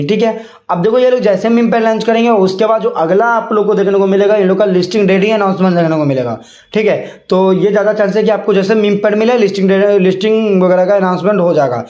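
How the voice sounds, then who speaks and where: A man with a high, slightly mellow voice talks casually as a crypto YouTuber in an echoey space. It's a relaxed explainer vlog, and he keeps leaning on fillers, repeating "ठीक है" and "यहाँ पे" again and again.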